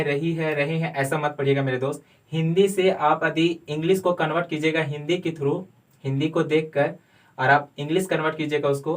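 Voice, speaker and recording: A man's voice: fairly high pitch, far from the mic, poor audio. A man teaching a grammar lesson at a board, explaining step by step, asking and answering his own questions and spelling words out letter by letter. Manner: calls the viewer "my friend". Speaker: English teacher.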